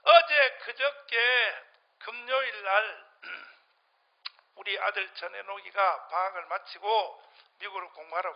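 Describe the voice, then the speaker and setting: A middle-aged man preaches to a church congregation in a strikingly high voice. He swings from shouted outbursts to low, muttered asides. The dull, lo-fi sermon recording sounds muffled. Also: vocal fry. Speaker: pastor.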